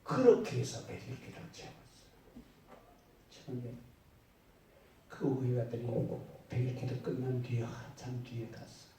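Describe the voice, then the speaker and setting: A man pastor preaching a storytelling sermon. He drops to soft asides, then rises into loud, emphatic bursts. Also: medium pitch, animated, moderate pace, long pauses, slight background noise. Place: church sanctuary. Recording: very echoey church hall, mic at a distance.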